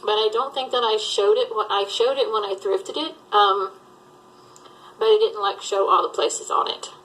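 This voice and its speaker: A middle-aged woman from Alabama in the Southern US, who runs a thrift resale vlog channel, chats casually in a tag video, rambling with lots of fillers. Her voice is mid-range and fairly bright at a moderate pace, though the audio quality is poor.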